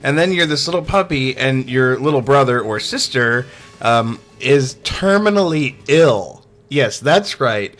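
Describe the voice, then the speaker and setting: A man with a mid-range, fairly bright voice narrates a video game review at a measured pace, his intonation lively. He's sarcastic and chatty, loaded with fillers, amused and often laughing, with faint music in the background.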